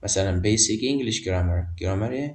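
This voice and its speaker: A man with an Afghan Dari accent teaching a basic English grammar lesson, patient and repetitive, pausing often with hesitations. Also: lowish voice. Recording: roomy echo, distant mic.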